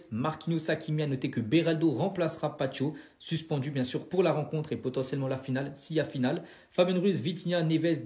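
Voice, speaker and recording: A man recapping football news quickly, peppering his speech with fillers. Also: on the high side, darkish tone, reverberant. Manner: rapid, filler-heavy with frequent "hein".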